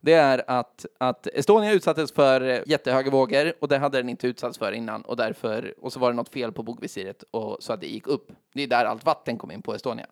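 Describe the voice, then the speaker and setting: A man's voice: mid-range voice, few pauses, no room sound, studio quality. A young man co-hosting a casual comedy podcast, laughing often and a little defensive, with hesitant restarts. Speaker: podcast co-host.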